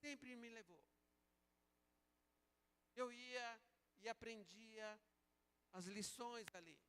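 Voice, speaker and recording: A man preaching a sermon as a pastor, moving between slow emphatic calls and quieter storytelling. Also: very high-pitched, clear, resonant tone. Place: church sanctuary. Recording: church sanctuary with long reverb.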